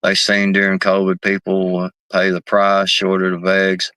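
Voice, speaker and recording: Dude on a live stream, bright clear voice, cussing a lot, "man" and "bro" every other word, dry sound. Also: low-pitched, monotone, measured pace, no room sound. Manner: loose and profane, says "man" and "bro" constantly. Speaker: livestream host reading chat. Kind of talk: casual live-stream chat.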